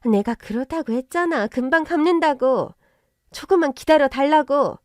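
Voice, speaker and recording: A woman voicing a pushy, indignant middle-aged mother-in-law who rants loudly. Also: high voice, expressive, a little slow, no room sound, studio quality, pitched above the performer's own voice. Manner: loud, indignant, ranting.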